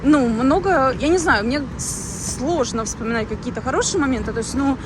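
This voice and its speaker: Walking along a city street, a woman in her thirties chats casually for her vlog, musing aloud and rambling with fillers and restarts. Her high voice is expressive and moves at a normal speed, with street traffic noise behind her.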